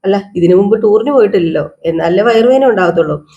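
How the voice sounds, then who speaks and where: A woman casually recapping a TV serial episode, chatty, with asides and quick self-corrections. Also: mid-range voice, expressive, mellow, highs cut off.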